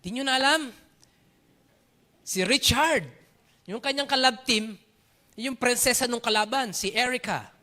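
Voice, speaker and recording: A man with a Filipino accent preaching a sermon, animated, telling stories and switching between Tagalog and English. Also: very high voice, a little slow, pauses often. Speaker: pastor.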